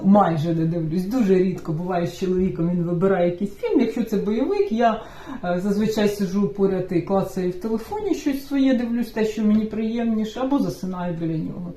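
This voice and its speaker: A woman talking casually about her life in a personal vlog, relaxed and chatty, with fillers and restarts. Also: medium pitch, roomy sound, distant mic. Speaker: vlogger.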